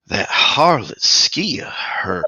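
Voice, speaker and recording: A man voicing a smug, menacing skeletal undead figure in a cloak, speaking softly and slipping into whispers. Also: fairly low pitch, expressive, takes it slowly, no echo, heavily acted.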